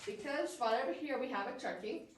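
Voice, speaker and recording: A woman leads an informal tour inside a cave in a chatty, folksy manner. Her fairly high voice carries with a strong cave echo, picked up from away off over faint noise. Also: expressive, a little fast. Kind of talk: informal guided tour commentary. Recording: echoing cave, distant mic, background noise.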